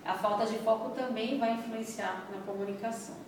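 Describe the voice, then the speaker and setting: A woman's voice: a little high, fairly even intonation, fairly quick, a little hiss or hum. A woman teaching a classroom lesson in a conversational way, often checking in with her listeners. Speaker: instructor. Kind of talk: classroom lecture. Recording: echoey room, far from mic.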